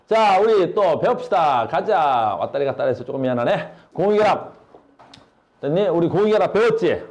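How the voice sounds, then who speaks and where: A man's voice: on the high side, a little mellow. A male science teacher giving a classroom lecture, blunt and slangy, asking his students questions all the time.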